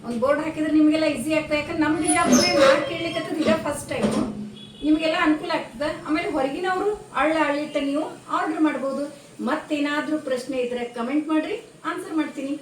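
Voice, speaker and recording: A woman's voice: high voice, quick pace. A woman vlogger with a North Karnataka Kannada accent, chatting casually with a shop owner, asking prices and speaking directly to her viewers. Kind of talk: casual vlog chat and shop visit. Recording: echoey room, mic at a distance, faint noise.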